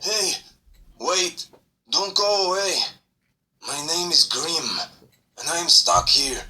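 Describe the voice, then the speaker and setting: Grim: guttural, worn-out male fae trapped under rubble, pleading in a strained high voice read by a male game narrator. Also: lively intonation, slow pace, sharp tone, far from the mic, exaggerated voice. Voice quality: guttural, exhausted. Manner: pleading cries for help.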